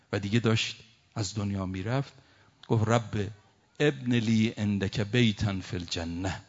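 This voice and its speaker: Low-voiced male preacher, lo-fi. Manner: recites Arabic verses slowly, then explains them with emotion. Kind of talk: religious sermon. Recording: dull lo-fi recording.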